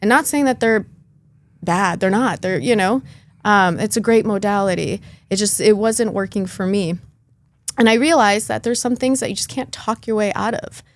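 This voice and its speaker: As a podcast guest, a young woman who was born in Lithuania and grew up in Chicago recounts her life story. Her voice is medium-pitched at a moderate pace, and her earnest, chatty delivery is full of fillers.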